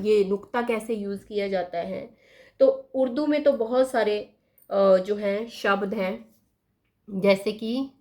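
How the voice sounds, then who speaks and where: Woman teacher, higher voice, unhurried board lesson that repeats each word. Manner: repeats words slowly for pronunciation, asks pupils questions. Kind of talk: slow classroom explanation at a board.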